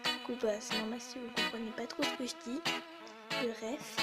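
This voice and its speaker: A teenage girl with a hoarse, slightly high voice talks in a loose, rambling way, full of fillers and restarts. It sounds like a casual home vlog. Loud music plays under her voice the whole time. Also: level tone, moderate pace. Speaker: vlogger. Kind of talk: casual chat.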